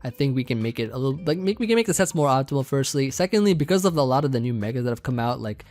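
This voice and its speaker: Speaking very fast at a medium pitch, a young Pokemon team builder rambles through his competitive build with many fillers and restarts and the odd light laugh. Soft music plays behind him, and his voice is getting a bit hoarse.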